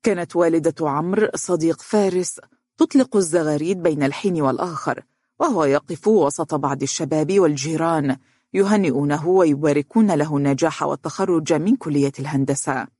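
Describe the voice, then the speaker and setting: A narrator reading a story aloud in a steady, measured way in the dialogue. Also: medium pitch, no echo, clean studio sound.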